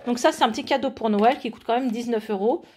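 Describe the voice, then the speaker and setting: A woman's voice: on the high side, fast talker, a little mellow, a little hiss or hum. A woman in her forties from France, chatting casually as she shows her shopping and a gift box to the camera, with lots of hesitations. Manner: chatty, shows products to camera with many fillers. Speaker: vlogger. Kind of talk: casual haul vlog.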